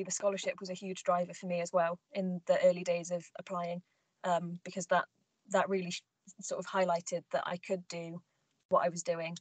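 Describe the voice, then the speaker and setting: A young woman speaks in a low, level voice over a webcam call from home, thoughtful and full of ums. The sound is dry and close. She speaks as a student athlete. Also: no echo. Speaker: scholarship student, Paralympic athlete. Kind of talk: casual video call. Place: room at home. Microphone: laptop webcam, video call.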